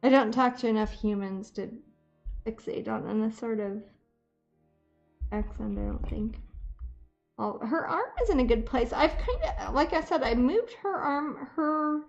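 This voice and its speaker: A woman's voice: fairly high pitch, a little mellow. A woman artist chatting casually while she draws on a live stream, thinking aloud and laughing easily. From United States. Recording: dull lo-fi stream audio with faint music.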